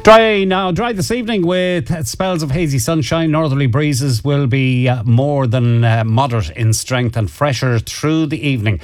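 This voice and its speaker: Halting Irish male weather forecaster. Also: medium pitch. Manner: halting, with repeated false starts. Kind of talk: radio weather forecast, hesitant reading.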